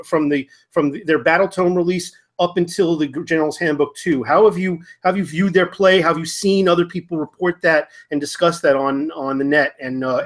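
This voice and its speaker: A man hosting a tabletop gaming talk show, asking questions with many fillers and restarts. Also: a little high. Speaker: podcast host. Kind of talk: casual hobby gaming discussion.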